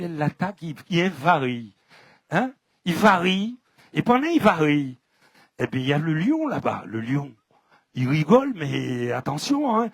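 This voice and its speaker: A man's voice: a little high, slightly rough, dry recording. Dramatic storyteller man, French Caribbean accent. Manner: lively, dramatic, addressing the audience. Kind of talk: live folk-tale telling.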